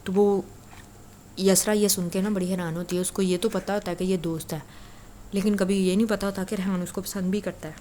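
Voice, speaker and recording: A woman's voice: medium pitch, steady tone, warm tone, slight background noise. A woman casually retelling a story in a chatty, conversational way. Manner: chatty, conversational, frequent filler "na".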